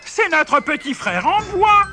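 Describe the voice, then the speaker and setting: A man voicing loud, cheerful male stage puppets in a storybook reading, in a shrill, high voice. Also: expressive, slow, over music, full character voice. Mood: cheering.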